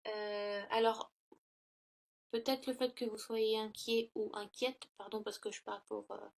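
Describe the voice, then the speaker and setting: Hesitant, high-voiced woman reading tarot. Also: steady tone, unhurried. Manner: hesitant, many fillers and self-corrections. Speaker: tarot reader. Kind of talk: casual tarot reading to camera. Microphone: laptop built-in mic.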